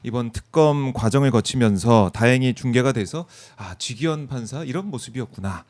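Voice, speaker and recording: A man's voice: mid-range voice, moderate pace, darkish tone, no echo. A man hosting a live current-affairs interview in a studio, reacting often with short interjections. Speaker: talk show host. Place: broadcast studio.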